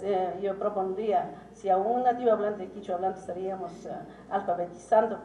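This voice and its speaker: A woman giving an academic lecture as a teacher, talking haltingly with many pauses and hesitations. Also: medium pitch, warm tone. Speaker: symposium speaker and Quichua teacher. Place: conference hall. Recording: roomy hall, distant mic, faint noise.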